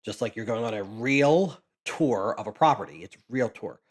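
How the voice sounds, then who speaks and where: A man's voice: on the low side, expressive, normal speed. A man casually chatting as he sorts trading cards for his channel, rambling with frequent restarts. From Pennsylvania, US. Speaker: card collecting vlogger. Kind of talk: casual chat while sorting cards.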